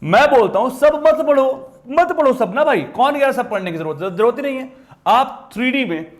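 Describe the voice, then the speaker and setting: Very high-voiced man teaching maths. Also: expressive, moderate pace. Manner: emphatic, repetitive, addresses students directly. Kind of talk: exam-prep lesson.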